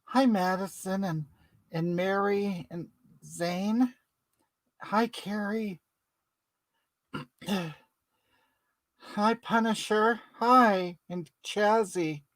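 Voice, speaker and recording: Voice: mid-range voice, very slow, long pauses, no echo. A performer playing a brash older woman who chats through a makeup livestream and greets viewers by name. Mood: chatty. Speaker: livestream host. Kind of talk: comedic livestream character.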